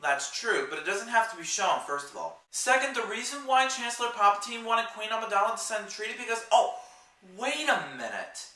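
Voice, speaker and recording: A man's voice: sits high, big pitch swings, brisk, bright, forceful tone. A man talking through a casual movie review vlog, chatty and rambling, wandering off into side remarks. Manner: chatty, rambling, with sidetracked asides. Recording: roomy echo, mic at a distance.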